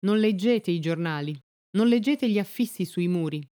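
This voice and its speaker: A man's voice: sits high, animated, moderate pace, warm tone, clean tone, no room sound, studio quality. A woman voicing an insistent male rural policeman who raises his voice as he questions people, in a read-aloud story. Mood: cheerful. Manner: raises voice, demanding.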